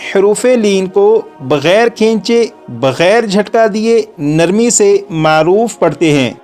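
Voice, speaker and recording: A man teaching a recitation lesson step by step, explaining each rule patiently and then demonstrating the sounds slowly, repeating each one three times. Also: sits high, darkish tone.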